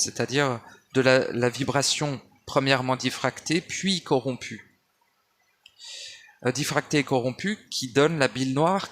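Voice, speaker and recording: A man talking at home in a loose spiritual monologue, wandering off track and restarting often. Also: mid-range voice. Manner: digressive, many restarts and fillers, addresses listener as tu. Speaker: spiritual speaker. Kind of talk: rambling spoken monologue. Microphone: handheld phone or basic mic.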